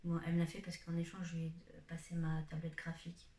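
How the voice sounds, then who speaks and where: A woman's voice: lowish voice, monotone, fast talker, mellow. A young woman chatting to the camera in a casual vlog from a dim room at home, rambling on with self-mocking asides. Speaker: vlogger. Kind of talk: casual face-to-camera chat. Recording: roomy home room sound.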